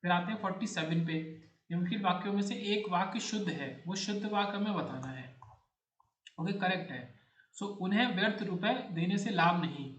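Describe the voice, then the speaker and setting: A man with a high voice teaches an exam-prep grammar lesson. He works through each answer step by step and repeats words as he checks them. The sound is roomy, with a clear echo around him. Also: fairly quick, a bit bright. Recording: echoey room.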